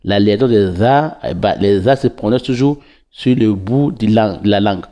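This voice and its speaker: A man teaching Quran recitation in French, breaking each verse into syllables and repeating them patiently with drawn-out vowels. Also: on the low side, mellow. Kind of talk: slow syllable-by-syllable recitation lesson.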